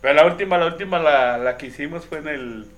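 A man's voice: a little high, fast, noisy background. A man with a Mexican accent, co-hosting a podcast and telling stories in a slangy, laughing way. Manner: slangy, laughs often, acts out quotes. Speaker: podcast co-host. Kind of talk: casual chat, storytelling.

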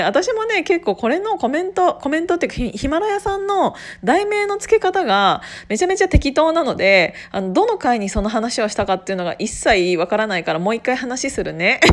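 Woman, twenties, podcast host, casual solo chat, laughs often, filler-heavy. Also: on the high side. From Gunma, Japan.

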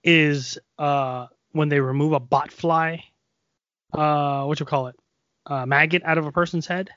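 A man's voice: on the high side, steady tone, unhurried, fairly bright tone, no room sound, highs cut off. A man with a nasal voice chatting casually as podcast co-host, rambling through stories with lots of fillers. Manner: rambling, loose storytelling with many fillers. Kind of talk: casual chat. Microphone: XLR microphone.

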